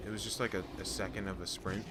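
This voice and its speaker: A man talks through a video game run in a loose, rambling way, stopping and restarting his thoughts. His voice sits fairly low. Clear noise from the game plays under him. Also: level tone, fast talker. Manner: rambling, with restarts and self-deprecating asides. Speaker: gameplay commentator. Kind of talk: casual let's-play commentary. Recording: commentary over noisy game audio.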